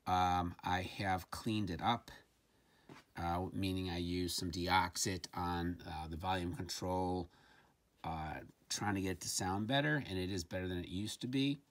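In a low voice with fairly even intonation and a measured pace, a man walks through a gadget at an indoor tabletop. His hands-on demo is informal and a bit hesitant, like he's reasoning aloud. Handling clicks and faint background noise are audible.

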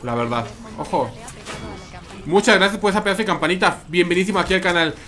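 A man's voice: high-pitched, lively intonation, quick pace, sharp tone. A man with a Mexican accent commenting live on his gameplay, chatting with viewers and repeating his phrases. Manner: chatty, repeats phrases, reads and answers chat. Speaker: streamer.

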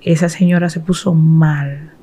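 A woman from the Republic, a guest in an interview, telling her own story in an earnest, halting way and acting out the voices of the people in it. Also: low-pitched, steady tone, dark tone, slightly rough.

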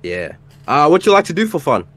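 A man's voice: a little high, huge pitch swings, brisk, fairly bright tone. A man in his twenties from Egypt, flirting with an easy slang manner as a contestant on a dating stream. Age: 20s. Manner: laid-back slang, flirty, says "for sure" and "I bet". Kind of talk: casual flirty chat.

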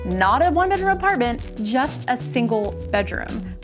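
A woman's voice: fairly high pitch, very animated, normal speed, over music. Upbeat woman narrating a tech explainer. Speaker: video host and narrator.

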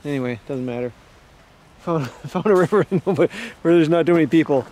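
A man's voice: a little high, fast talker, a little mellow. A man filming a fishing trip, narrating casually outdoors and trailing off with easy chuckles. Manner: laid-back, chuckling, trails off. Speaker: fishing vlogger. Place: outdoors by rivers and a lake.

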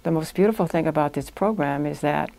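With a low, gravelly, warm voice, she speaks a little fast. The speaker is an older woman, probably in her 60s or 70s, appearing as a guest and language institute owner in a small indoor podcast studio. Her answers are conversational and explanatory, taken step by step.

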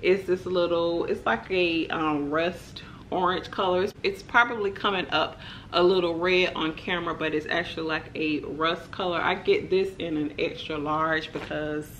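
A woman's voice: lowish voice, moderate pace, slight background noise. A young woman, chatting casually to camera as she shows off her shopping haul. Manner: chatty, relaxed, lots of "like" and "y'all". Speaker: vlogger.

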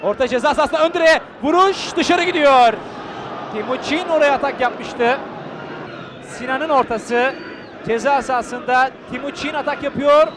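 A man giving live football play-by-play in clipped phrases, calling out players' names and shouting excitedly at chances. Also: very high-pitched, normal speed. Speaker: football commentator. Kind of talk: live play-by-play match commentary. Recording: loud crowd and noise behind. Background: stadium crowd.

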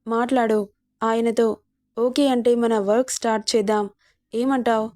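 A woman doing a brisk, persuasive cousin. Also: on the high side, flat delivery, a little mellow, dry recording, studio quality, natural voice. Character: friendly male cousin and business partner.

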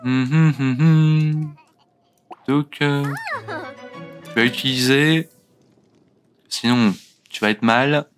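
A man's voice: medium pitch, takes it slowly, long pauses, a bit bright. A young man giving casual gameplay commentary as a let's play host, chatting to his game characters as he plays. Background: faint game music.

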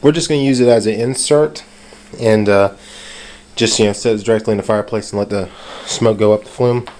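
His voice sits on the low side, steady and a little mellow, and he moves along briskly as he casually explains a hands-on fix around the house. It's a DIY video shot on a handheld camera or phone, so the recording is noisy and clicky.

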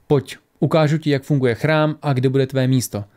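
A man voicing a wise temple woman who speaks calmly and approvingly. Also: mid-range voice, natural voice.

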